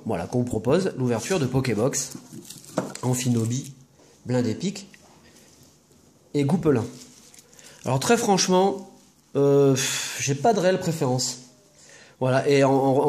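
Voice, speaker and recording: A man's voice: medium pitch, a little mellow, slight background noise. Chatty rambling male unboxing host. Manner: chatty, rambling, jokey asides. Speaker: video host opening trading-card boxes. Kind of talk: casual unboxing chat to viewers.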